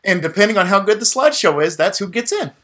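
A man with a slightly high, bright and forceful voice, chatting casually about sports. He rambles from one rant to the next, swearing freely and cracking jokes. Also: big pitch swings, fast. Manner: profane, rambling, jokey rants. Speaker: podcast co-host.

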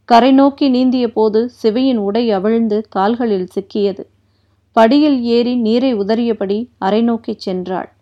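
Woman narrator, audiobook reading, steady delivery, fairly high voice, dull lo-fi recording. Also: a little slow.

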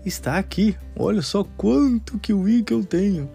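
A woman's voice: medium pitch, lively intonation, unhurried, creaky, over music, pitched below the performer's own voice. Kindly old farmer in a storybook, hearty and welcoming, voiced by a woman.

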